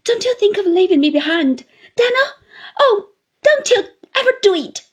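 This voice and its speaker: A woman gives a heavily acted performance as a clinging, tearful old woman pleading desperately, her high wailing pleas breaking into sobs. Her delivery is sing-song and extremely slow, with a darkish tone.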